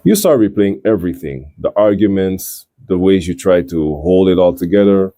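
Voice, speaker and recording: Middle-aged male host for a reflective monologue: measured and earnest, mellow timbre, dry recording. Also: deep voice, animated, dry recording. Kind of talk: reflective scripted monologue to viewers.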